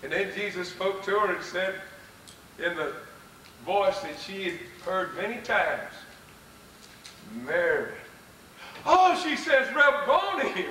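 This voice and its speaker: A man preaching a fervent, folksy sermon with soft chuckles, recorded live in a hall on old videotape. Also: sits high, slight background noise. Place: church or lecture hall. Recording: distant, roomy live VHS recording.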